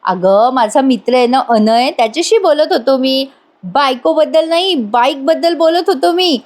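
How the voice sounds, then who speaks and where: A woman's voice: high voice, expressive, moderate pace, darkish tone. A woman voicing a playful young husband who teases and coaxes his wife. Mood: teasing. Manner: teasing, coaxing.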